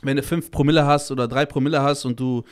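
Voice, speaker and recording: A man's voice: medium pitch, fairly even intonation, quick pace, clean tone. A man speaking as a podcast guest in casual conversation, blunt and crude, full of slang and swearing, heated and emphatic. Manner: blunt and crude, heavy slang, swears, keeps saying "Alter". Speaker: guest, child-protection activist.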